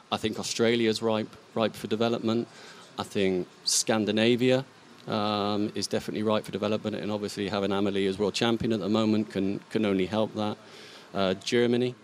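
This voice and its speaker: A man guest on a cycling podcast, talking through his views with halting restarts. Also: on the low side, a little hiss or hum. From Britain. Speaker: sports agency guest. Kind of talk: casual podcast discussion.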